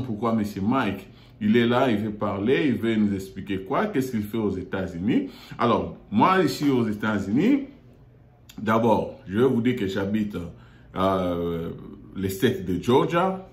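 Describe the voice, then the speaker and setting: Man, fairly low voice, halting with fillers, show host, roomy office meeting room. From Democratic Republic of the Congo. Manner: halting, many fillers and repeated words. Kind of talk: hesitant monologue. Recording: echoey room.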